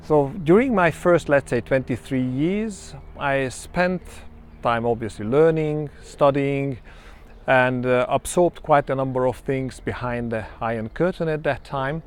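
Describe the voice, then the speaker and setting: A man's voice: mid-range voice, clear, resonant tone. Reflective Hungarian-accented man. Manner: measured and reflective, many ums and pauses. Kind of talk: personal self-introduction monologue.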